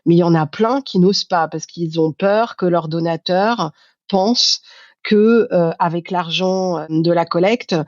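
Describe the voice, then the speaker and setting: A woman in her fifties from Paris, speaking as a podcast guest, reflective and halting, with many fillers and restarts. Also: lowish voice, dry recording, highs cut off. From Paris, France. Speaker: guest, communications agency founder. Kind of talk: podcast interview.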